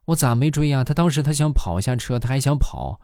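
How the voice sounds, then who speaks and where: A man's voice: medium pitch, lively intonation, fairly quick, dark tone, no room sound, studio quality, pitched above the performer's own voice, natural voice. A man voicing a bossy young wife in a brash, boastful manner.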